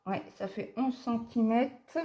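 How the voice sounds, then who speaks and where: A woman's voice: a little high, takes it slowly, warm tone. A French woman presenting a cross-stitch kit in a casual, chatty unboxing vlog, talking through it with fillers and small hesitations. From France. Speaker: craft vlogger. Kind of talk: casual unboxing show-and-tell.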